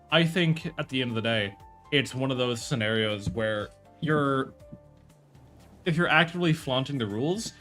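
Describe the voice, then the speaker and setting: A man's voice: mid-range voice, pushed and bright. A man streaming live, talking casually and rambling, with many fillers, restarts and some swearing.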